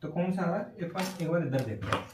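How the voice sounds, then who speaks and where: A male teacher giving a classroom lesson on phonetic transcription, slowly sounding out words and often checking whether students follow. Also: on the high side, animated, background noise. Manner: slow, repeats sounds and checks understanding often. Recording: echoey room from far off.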